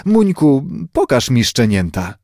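A man doing a polite, amused gentleman. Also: mid-range voice, huge pitch swings, measured pace, dry recording, clean studio sound. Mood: friendly. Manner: courteous, amused. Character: polite middle-aged gentleman buying a puppy.

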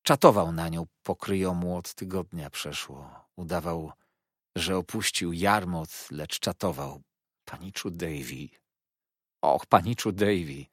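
A man's voice: low voice, measured pace, dry recording, clean studio sound. A man reading as a strained young fisherman. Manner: toneless, strained speech. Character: distressed young fisherman, speaking with effort. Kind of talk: audiobook character reading.

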